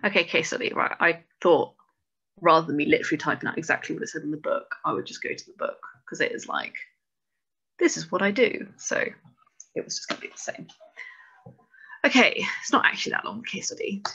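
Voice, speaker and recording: A woman's voice: deep voice, expressive, brisk, pushed and bright, breathy edge, poor audio. A woman presenting a chapter to a book club over a video call, thinking aloud and making self-deprecating asides as she works through code. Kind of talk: casual live-coding walkthrough.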